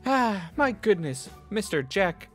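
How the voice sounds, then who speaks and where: A man's voice: sits high, sing-song, unhurried, soft background music, pitched above the performer's own voice. A man voicing a timid, clueless young male servant in a game, stammering nervously and politely. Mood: meek.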